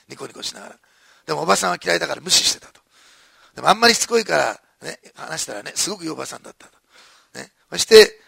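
A man's voice: on the high side, creaky, pushed and bright, breathy edge, dry recording, studio quality. A man preaching a sermon in a conversational storytelling way, with chuckling asides. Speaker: pastor.

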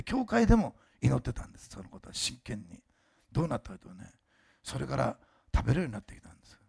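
An older man preaching a sermon and telling a testimony at a fast clip. His voice is heavily gravelly and husky. He talks with emphatic, chatty asides, breaks off and restarts, and now and then his words slur. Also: medium pitch. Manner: fast-talking, admits slurring lately. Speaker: pastor.

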